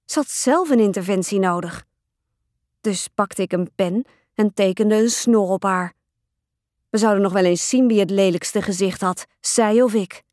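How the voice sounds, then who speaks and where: A woman reads a children's storybook aloud in an expressive first-person voice. She takes her time and never rushes. The recording is close and dry, with no room sound. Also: mid-range voice, no room sound. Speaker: audiobook narrator. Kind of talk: storybook reading.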